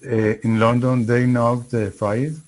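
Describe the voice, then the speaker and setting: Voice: mid-range voice, little pitch movement, takes it slowly, darkish tone. A student answering hesitantly in simple English during an online class.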